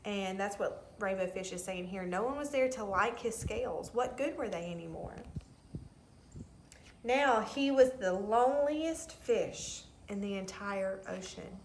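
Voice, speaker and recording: Here a woman with a medium-pitched voice reads a children's story a little slowly, full of expression and dropping in simple explanations of words for children, like a teacher would. Background noise and a roomy echo are audible.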